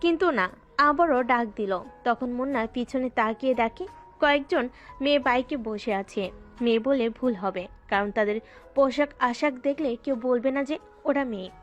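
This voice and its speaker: Higher-voiced woman narrating a story. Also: moderate pace, dull audio. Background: faint background music.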